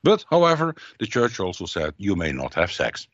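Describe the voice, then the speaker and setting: A man from the far south of the Netherlands speaks with a Dutch accent. He tells anecdotes in a casual, storytelling way. His voice is very low and lively, and the call audio is dry and a little muffled. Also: normal speed, no room sound. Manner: storytelling, animated. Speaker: guest. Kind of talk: casual podcast chat. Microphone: remote call.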